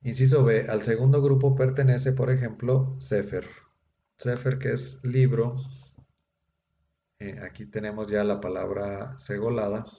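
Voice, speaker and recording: A man's voice: medium pitch, fairly even intonation, a little slow, mellow. A man teaching a Hebrew grammar class, explaining patiently with frequent "eh" and "este" fillers. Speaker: Bible institute Hebrew teacher. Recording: roomy echo, dull lo-fi sound, faint noise.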